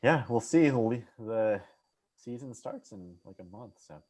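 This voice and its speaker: A man's voice: mid-range voice, animated, moderate pace, darkish tone. A young man hosting a casual sports podcast, rambling with lots of fillers and restarts. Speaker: podcast host.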